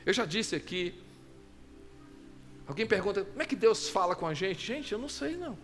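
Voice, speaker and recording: A man with a Brazilian Portuguese accent preaching a sermon as pastor, swinging between soft asides and loud, animated exclamations and acting out short dialogues. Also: high-pitched, moderate pace, long reverb tail, faint music behind. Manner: acts out short quoted dialogues in his own voice.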